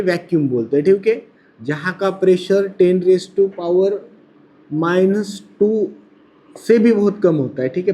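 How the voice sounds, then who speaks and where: A man's voice: sits high, dark tone. A male chemistry teacher lecturing a classroom. He asks the students questions, answers them himself, and calls on them to speak up. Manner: repeats questions and answers them himself, mixing Hindi and English.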